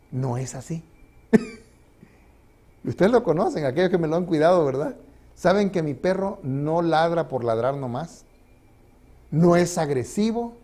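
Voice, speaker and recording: A man's voice: a little high, dark tone. A middle-aged man, a pastor preaching a sermon in a church and often asking the congregation questions. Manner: conversational, asks the congregation questions and laughs. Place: church sanctuary.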